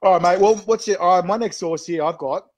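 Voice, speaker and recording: Higher-pitched jokey Kiwi bloke. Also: male voice, a little fast. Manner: jokey, matey, animated. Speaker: chilli challenge show host. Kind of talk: casual livestream chat. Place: small home room, indoors, on a video call. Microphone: desk microphone close up, with headset.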